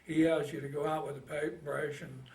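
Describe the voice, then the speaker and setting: Recalling his life for a casual oral history interview, an Indiana man of around eighty who served in the Navy speaks in a halting, folksy, plain Midwestern way. His pitch is fairly high yet barely moves, with vocal fry and a slightly mellow quality. The recording sounds roomy and distant, with faint noise.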